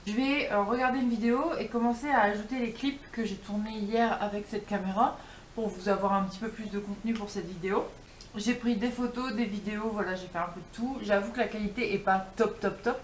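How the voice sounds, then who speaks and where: A woman's voice: mid-range voice, steady tone, brisk. A young woman chatting casually and informally to her viewers, as a vlogger recording at home. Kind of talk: casual chat to camera. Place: indoors at home. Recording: roomy home echo, faint background noise.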